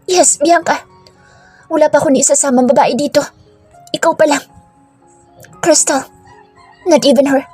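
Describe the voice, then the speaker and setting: A woman voicing an earnest young man who softly pleads his love in a storybook romance reading. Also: sits high, normal speed, long pauses, dry recording, soft background music, voice pushed up, natural voice. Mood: pleading. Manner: soft, pleading, mixing Tagalog and English.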